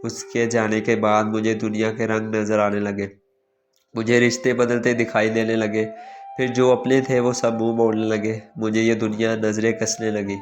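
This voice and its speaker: A man narrating a sad, emotional family story in a steady, sorrowful reading. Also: lowish voice, moderate pace. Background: faint background music.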